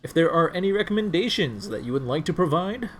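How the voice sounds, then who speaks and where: A man hosting a fighting game stream, chatting casually and teasing his co-host in a relaxed way. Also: on the high side, quick pace, faint music behind. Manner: relaxed, teasing, laughs easily.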